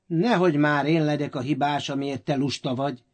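A man voicing a stern wealthy master in a storybook audio reading, who shouts his orders in a high, sharp voice. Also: steady tone, close to an everyday voice. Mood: furious. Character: stern wealthy master, middle-aged man, quick to anger.

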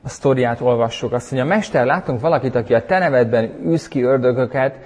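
A man preaching in a church hall, his husky voice ringing with a long reverb. He delivers the sermon with emphatic, animated bursts and ends in prayer. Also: medium pitch. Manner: animated, emphatic preaching with sudden loud peaks.

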